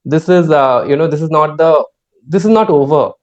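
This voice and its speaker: Podcast host, hesitant and filler-heavy, recorded over a muffled video call. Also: male voice, a little high, normal speed, a little mellow. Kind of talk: casual podcast conversation.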